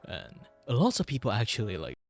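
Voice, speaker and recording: A man chatting casually as a streamer, rambling and halting as he repeats his phrases. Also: fairly low pitch, animated, fairly bright tone, faint music behind. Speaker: VTuber streamer. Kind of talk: casual livestream chat.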